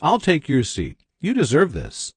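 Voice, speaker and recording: A man voicing a determined, courteous gentleman passenger. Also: a little high, wildly swooping pitch, unhurried, breathy edge, no echo, voice pushed up, exaggerated voice.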